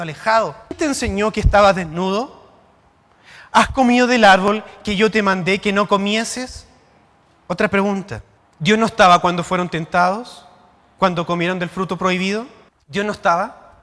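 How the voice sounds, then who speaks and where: Male pastor, high voice, sermon in a reverberant church hall, rhetorical questions. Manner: rhetorical questions, shifting between loud and quiet.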